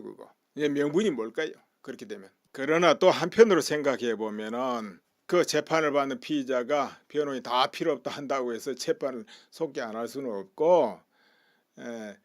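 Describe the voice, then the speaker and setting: A man in the middle of his pitch range talks through a legal news story in a plain, methodical way. He keeps asking the listener rhetorical questions. His voice is recorded close and dry, with no room sound. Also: dry recording. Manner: explanatory, poses rhetorical questions. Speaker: political commentator. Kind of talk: news commentary monologue.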